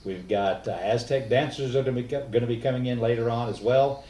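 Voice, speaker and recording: A man's voice: medium pitch, fast talker, mellow. A man hosting a powwow, welcoming viewers informally in a folksy emcee style. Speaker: host of a virtual powwow. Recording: echoey, distant mic, faint noise.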